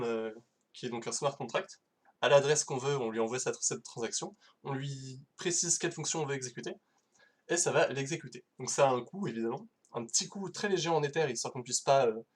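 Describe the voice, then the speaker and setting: His mid-range voice has a breathy edge. During a casual live-streamed tech talk, the conference speaker stumbles through fillers and restarts, keeping a self-deprecating tone.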